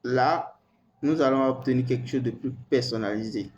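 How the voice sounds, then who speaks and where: A man hosting a screen-recorded software tutorial, talking hesitantly and repeating words as he types. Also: mid-range voice, moderate pace, highs cut off, a little hiss or hum. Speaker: tutorial host.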